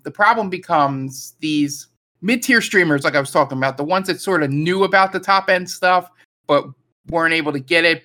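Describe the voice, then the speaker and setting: A man's voice: on the high side, sharp tone. A man co-hosting a podcast, talking casually and rambling as he restarts his sentences. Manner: rambling, full of fillers and restarts. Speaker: podcast co-host.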